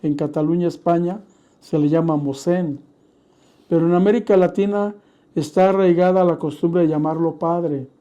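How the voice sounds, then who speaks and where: A man teaching in a measured sermon style, steadily citing scripture verses as he explains. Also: on the high side, fairly even intonation, mellow, muffled recording.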